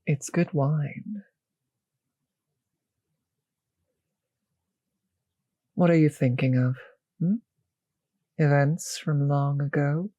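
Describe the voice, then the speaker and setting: Voicing an elegant vampire woman who is possessive and predatory, this performer uses a low, warm, husky voice, recorded close and dry for an intimate audio drama. Her unhurried delivery is condescending and teasing, full of endearments, and slips into whispers, with a wistful, knowing feel.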